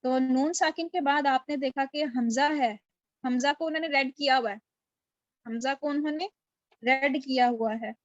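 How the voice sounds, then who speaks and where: A woman's voice: high-pitched, no echo, highs cut off. A woman teaching a Quran recitation class over a video call, who explains patiently, asks her students questions and praises their answers. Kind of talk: online class lesson.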